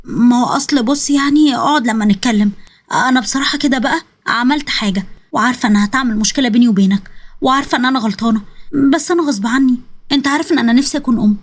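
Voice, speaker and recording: An anxious Egyptian young wife, as a woman puts her on, apologizing in a quick, fairly high voice in a storybook drama. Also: natural voice. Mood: apologetic. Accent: Egyptian Arabic.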